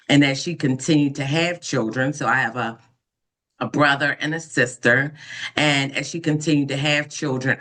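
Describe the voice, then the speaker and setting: A woman in her fifties from Baltimore, an ordained minister, telling her life story in an interview in an earnest, unhurried way with frequent pauses and soft fillers. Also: rumbling low. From Baltimore, United States. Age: 50s. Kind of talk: reflective personal storytelling in an interview.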